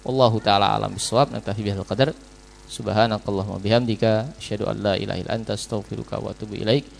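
A man's voice: lowish voice, fairly even intonation, racing, creaky, slight background noise. A man giving a study lecture in a mosque, repeating a blessing phrase between sentences and asking and answering his own questions. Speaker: Islamic teacher. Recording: long reverb of a mosque hall.

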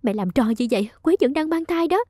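A woman's voice: expressive, fairly quick, warm tone, no echo, clean studio sound. A woman voicing a cold, torn young man. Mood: angry. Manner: low, cold.

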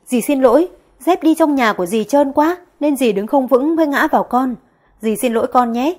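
Woman reader doing a spiteful middle-aged stepmother in a storybook: higher than her narration, sneering, mocking, slightly breathy. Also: quick pace, a little mellow, natural voice. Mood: falsely sweet.

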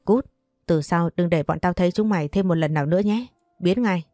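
A cold, commanding young man barks curt orders, as a woman storyteller voices him. The voice sits low and mellow. The recording is dry, with faint music underneath. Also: fairly quick, no room sound, lightly acted. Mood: cold menacing. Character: cold, commanding tall young man in his late twenties.

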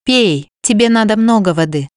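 A woman's voice: mid-range voice, expressive, moderate pace, no echo, clean studio sound, lightly acted. A woman voicing an anxious, caring young servant girl who speaks in a worried, pleading way.

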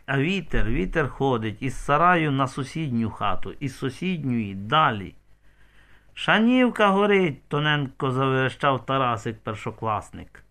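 A man's voice: medium pitch, expressive, moderate pace, few pauses, bright, forceful tone. A man narrating an audiobook with intense storytelling.

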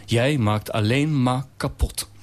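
A man's voice: medium pitch, slow pace, close to an everyday voice. A pompous male nutcracker from a radio story, blunt and scornful, as a man puts him on. He lectures in a lifted, sneering voice.

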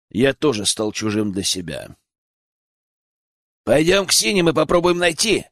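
Expressive male audiobook narrator. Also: mid-range voice, dry recording, clean studio sound. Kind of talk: first-person scripted narration.

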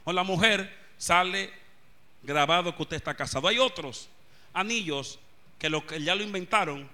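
Fervent preacher with a very high voice. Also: male voice, normal speed, bright, forceful tone. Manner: fervent, calls on the congregation to repeat after him. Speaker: pastor. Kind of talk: sermon. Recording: music playing behind.

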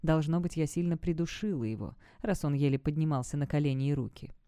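Woman audiobook narrator, low and mellow, tense first-person storytelling, close mic. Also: fast, clear, resonant tone, no room sound.

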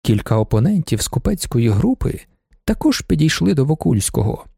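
A man's voice: fairly high pitch, very animated, fairly quick, gravelly, warm tone, breathy edge, no room sound, studio quality. A man narrating a classic novel as an audiobook, reading expressively.

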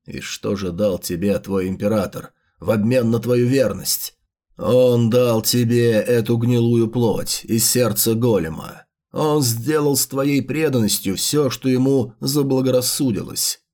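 Man acting a slow, theatrical, menacing villain. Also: mid-range voice, steady tone, a little mellow, voice pushed down, natural voice. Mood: coldly persuasive. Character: scheming male villain rousing undead followers to vengeance. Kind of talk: dramatic audiobook character voice.

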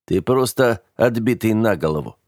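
A prickly, mistrustful young man from an audiobook, voiced by a male reader. He snaps in short, sarcastic jabs in a low voice. The recording is dry and close. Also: lively intonation, moderate pace, darkish tone, no room sound. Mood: snapping. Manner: snappy and sarcastic.

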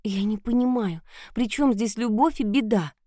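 A woman's voice: fairly high pitch, moderate pace, mellow, no echo, studio quality, pitched above the performer's own voice, close to an everyday voice. A woman voicing a timid, anxious young princess who speaks in a trembling, pleading way.

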